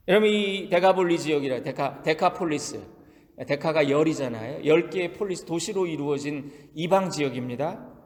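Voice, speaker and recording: A man preaching a sermon as pastor, emphatic and asking his congregation rhetorical questions. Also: fairly high pitch. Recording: long reverb of a large hall.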